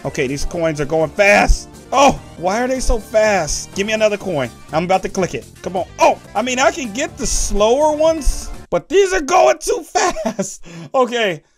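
A young man hosting casual game commentary, excitable and joking as he talks to viewers while he plays. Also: high voice, normal speed, hardly any pauses, faint music behind. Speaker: gaming channel host.

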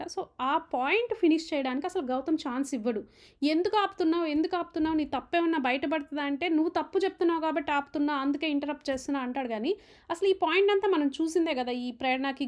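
A woman giving an opinionated, emphatic recap of a reality show argument. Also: sits high. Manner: fast, animated, emphatic, retelling arguments.

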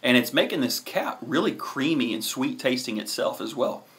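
A man in his thirties giving a casual, hesitant, relaxed review to camera as a host, with frequent pauses. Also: mid-range voice. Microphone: camera at arm's length.

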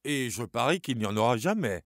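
A man's voice: mid-range voice, very animated, a little fast, dry recording, clean studio sound. A man doing a teasing young friend. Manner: mocking, playful.

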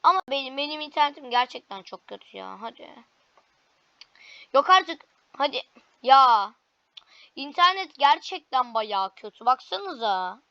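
A woman commentating her own gameplay, excitable, with frequent frustrated cries and cheers. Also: high-pitched, a little slow, pauses often, no echo, lo-fi sound. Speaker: gaming video creator.

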